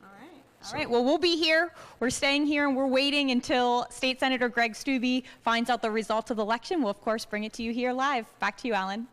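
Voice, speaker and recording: A woman's voice: on the high side, fairly quick, fairly bright tone. A woman working as a field reporter, giving live election night reports and interviewing. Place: live from a house with supporters in the room.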